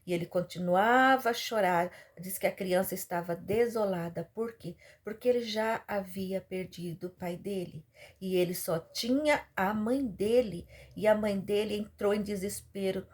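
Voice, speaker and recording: A woman preacher delivers a sermon as a dramatic story. Her voice leaps and falls with emotion, with repeated phrases and sudden bursts of loudness. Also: medium pitch, normal speed.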